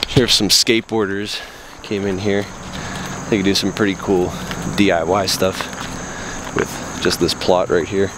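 A man's voice: deep voice, level tone, normal speed. A young man walking an overgrown empty lot, talking casually to a handheld camera with loose, rambling "like" fillers. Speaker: vlogger exploring abandoned sites. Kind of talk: casual walk-and-talk narration. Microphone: handheld camera at arm's length. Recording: outdoor camera audio with clear insect noise. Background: insects and distant traffic outdoors.

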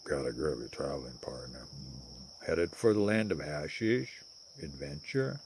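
An older man voicing a dreamy young hippie woman traveler who prays softly and muses aloud, recorded close on a phone camera in a garden outdoors. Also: a bass voice, measured pace, a little hiss or hum, pitched below the performer's own voice. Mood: musing.

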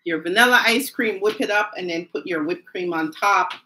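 Through a phone or camera microphone, a woman live-streams from home, casually talking to viewers and often breaking into laughter. Her mid-range voice is bright and forceful at a moderate pace. The audio is poor, with a little hiss or hum.

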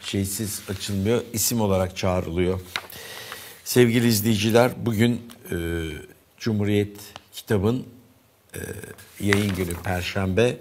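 A man hosting a morning news show, reading newspaper headlines aloud and commenting casually, with frequent pauses and fillers. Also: fairly low pitch, fairly even intonation, darkish tone, slight background noise. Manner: conversational, reads headlines aloud with hesitant fillers. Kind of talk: press review commentary.

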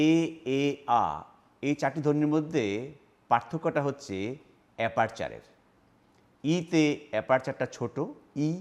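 A man giving a spoken lecture on phonetics, sounding out vowel examples and speaking straight to the viewer. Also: medium pitch. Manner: demonstrates vowel sounds aloud, addresses viewers directly. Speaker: linguistics lecturer.

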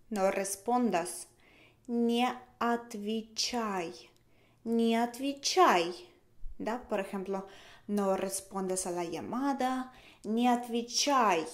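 A woman teaching a language lesson, slowly repeating each phrase for learners to copy. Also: on the high side.

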